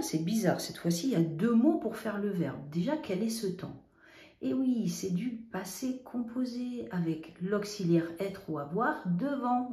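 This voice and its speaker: A woman's voice: mid-range voice, warm tone, reverberant. A woman teaching children spelling and grammar. She asks questions, answers them herself, and spells out word endings letter by letter.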